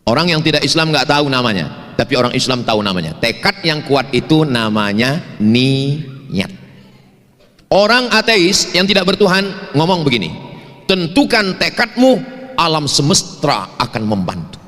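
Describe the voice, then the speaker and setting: A man who is a preacher and university lecturer, giving a humorous sermon to students at an evening campus event and telling stories with lively asides. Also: mid-range voice, normal speed. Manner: jokey storytelling with lively asides. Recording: long hall reverb.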